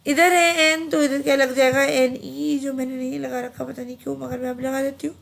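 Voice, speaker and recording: A woman giving a casual online French lesson, chatty and repeating each word slowly for pronunciation, mixing Hindi with English phrases. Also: high voice, little pitch movement, vocal fry. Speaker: French teacher.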